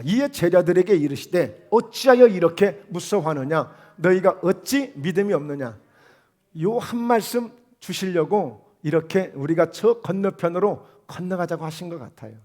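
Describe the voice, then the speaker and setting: A man preaching from the pulpit in a very high-pitched voice. He drives his points home with rhetorical questions and mock scolding, building to emphatic peaks. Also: a little mellow. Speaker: pastor. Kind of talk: sermon.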